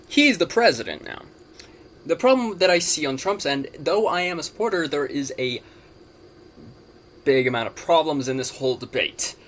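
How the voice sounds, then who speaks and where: A man giving blunt, emphatic political commentary in an exasperated, somewhat halting way, like a vlogger talking to camera. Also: a little high, fairly bright tone. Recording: noticeable background noise, home-recorded.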